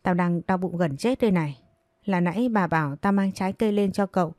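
A woman's voice: lowish voice, a little fast, darkish tone, no echo, studio quality, lightly acted. A woman voicing a sly young servant girl who whines and pleads. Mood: whiny. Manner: whining, pleading.

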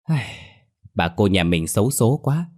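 A man's voice: on the low side, big pitch swings, a little slow, darkish tone. A man voicing a brusque middle-aged village husband. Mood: gruff. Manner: brusque, scolding.

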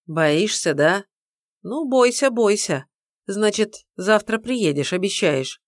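A woman's voice: mid-range voice, lively intonation, slow, no room sound, studio quality, pitched above the performer's own voice. A woman reading an audiobook, voicing a pushy, meddling middle-aged mother who needles and insists. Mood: needling.

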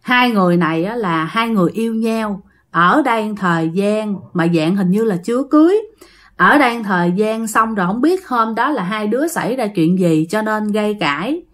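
Speaking straight to her listeners, a woman with a Southern Vietnamese accent tells ghost stories for her channel in a chatty, dramatic style. Her voice sits in the mid range with a fairly bright tone, and the narration is casual.

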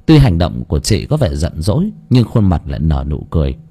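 A man's voice: a bass voice, wildly swooping pitch, brisk, dark tone, breathy edge. A man narrating an audiobook story expressively.

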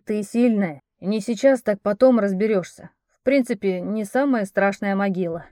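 A woman reading an audiobook, voicing a young prince who speaks firmly and calmingly, giving instructions. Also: mid-range voice, moderate pace, dry recording, clean studio sound, lightly acted. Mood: firm calm. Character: young prince, steady, calm and commanding.

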